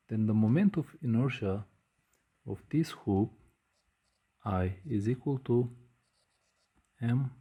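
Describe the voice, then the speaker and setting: A man giving a physics lecture at a board, speaking slowly with frequent "uh" hesitations while he writes. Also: fairly low pitch, dark tone. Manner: slow, measured, frequent hesitations with uh. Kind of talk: whiteboard lecture.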